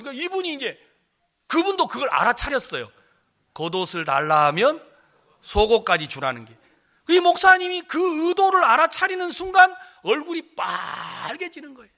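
A pastor from Jeolla preaching to a congregation, telling stories with animated acted-out dialogue and asking the listeners questions. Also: male voice, very high voice. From Jeolla, South Korea. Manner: animated storytelling, acting out quoted speech, questioning the congregation. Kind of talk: sermon.

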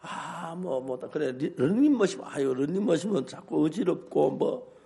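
An older man, a pastor, preaching with humor and telling animated stories, acting out his own shouts and both sides of a quarrel. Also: on the high side, unhurried, creaky. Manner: animated storytelling, acts out shouts. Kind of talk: humorous sermon.

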